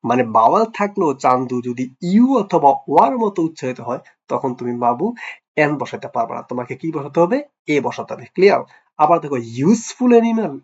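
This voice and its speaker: A man teaching a grammar lesson to young pupils, often asking "clear?" and quizzing them with playful, affectionate words. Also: medium pitch, darkish tone. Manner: repeats "clear?" and quizzes the listener; affectionate, teasing address to pupils. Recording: dull lo-fi recording.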